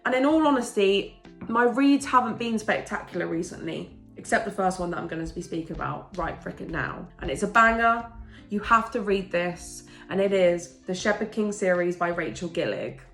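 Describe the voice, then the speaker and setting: An English woman with a cold-blocked nose eagerly chats as a book vlogger, gushing about what she has read lately in a casual, enthusiastic review. Her voice is mid-range and a bit bright, with lively intonation and a moderate pace. Soft music plays in the background of an echoey room.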